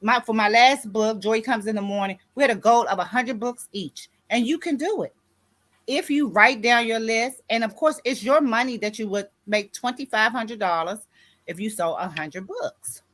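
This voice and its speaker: A woman's voice, a little high with a fairly bright tone and normal speed, hosts a motivational radio conversation. She is in her sixties, an author mentoring co-authors, and she talks in an emphatic, urging way while often confirming listeners follow.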